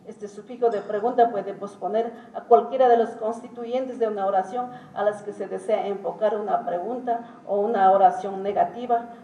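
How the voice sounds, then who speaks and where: A woman giving an academic lecture as a teacher, talking haltingly with many pauses and hesitations. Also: mid-range voice, mellow. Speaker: symposium speaker and Quichua teacher. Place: conference hall. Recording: roomy hall, distant mic, faint noise.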